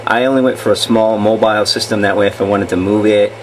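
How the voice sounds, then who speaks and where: A man talks through his home project in a plain, patient way, pausing often with ums and uhs. His voice sits on the low side, picked up by the camera's own mic, with a faint hum behind it. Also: steady tone, low-quality recording. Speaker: channel host. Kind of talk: casual home-project video walkthrough. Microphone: camera mic, off-screen filming.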